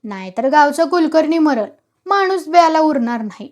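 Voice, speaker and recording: Shrill angry old village guy yelling, woman storyteller doing him. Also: animated, normal speed. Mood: agitated. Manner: shrill, shouting. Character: shrill hot-tempered old village man.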